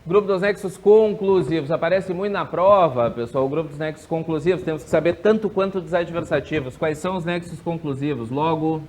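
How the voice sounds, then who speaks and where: Brisk grammar teacher. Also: male voice, fairly high pitch, darkish tone, a little hiss or hum. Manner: drills rules with quick yes-no questions; draws out key words slowly. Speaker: exam prep teacher. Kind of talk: classroom grammar lesson.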